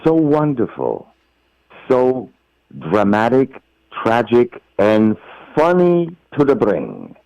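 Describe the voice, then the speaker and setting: Middle-aged Bulgarian-accented actor, slow and emphatic, gushing praise, dry and muffled phone audio. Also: male voice, mid-range voice, huge pitch swings, creaky, mellow, no room sound. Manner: effusive, emphatic, non-native phrasing. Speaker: actor guest. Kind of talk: phone interview.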